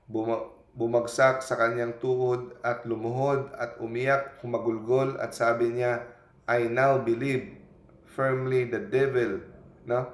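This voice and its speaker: Male preacher, storytelling sermon, average pitch, echoey room. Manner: retells scenes in quotes, often adds "no?".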